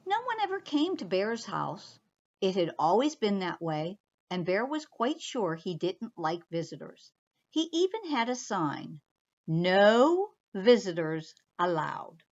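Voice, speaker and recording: A woman's voice: mid-range voice, very animated, measured pace, highs cut off. A woman librarian reading a picture book aloud expressively for children, stopping to talk to them directly.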